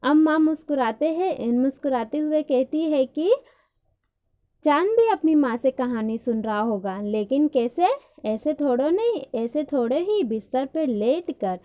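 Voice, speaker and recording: A woman's voice: high voice, expressive, unhurried, mellow. A woman teacher reading a Hindi story aloud to a class, then retelling each part in simple words and asking questions. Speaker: school teacher.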